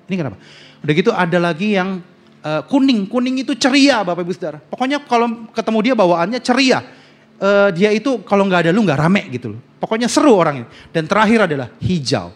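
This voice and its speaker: A man preaching from the pulpit, his voice sitting a little high for a man. He tells a family story and acts out each person in it, rising to loud outbursts and then dropping to near-hushed asides. He turns to address the congregation again and again. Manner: storytelling, acting out dialogue, swings from loud to hushed. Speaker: pastor. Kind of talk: sermon. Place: church sanctuary.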